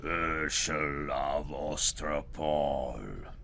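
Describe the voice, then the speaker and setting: A man voicing a fierce male goblin king in a storybook reading, speaking in a slow hushed whisper. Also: very deep voice, gravelly, slight background noise, voice pushed down, exaggerated voice. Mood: booming.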